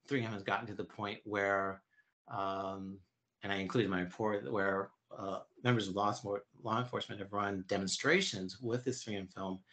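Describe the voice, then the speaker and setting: Very deep-voiced man in his fifties. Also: fairly even intonation, a bit bright, slight background noise. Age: 50s. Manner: explanatory, halting. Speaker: interview guest. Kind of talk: conversational interview answers.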